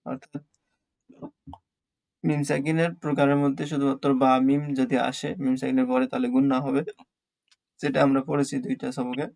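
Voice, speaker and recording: Gravelly, flat-voiced male Quran teacher. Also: medium pitch. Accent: Bangladeshi Bengali. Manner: slow, drawn-out recitation of letters and vowel marks. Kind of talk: spelling out Arabic syllables in an online class.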